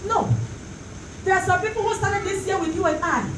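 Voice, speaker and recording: A female pastor preaches a fervent sermon in a very high voice, driving points home with repetition and questions thrown out to the congregation. She is picked up from a distance in a roomy, echoing space, with clear noise behind her. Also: a little fast.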